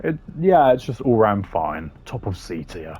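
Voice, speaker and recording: A gaming video creator gives casual, opinionated commentary ranking game voice lines, blunt, informal, and heavy on slang. His voice is on the low side and a little mellow, sing-song and unhurried.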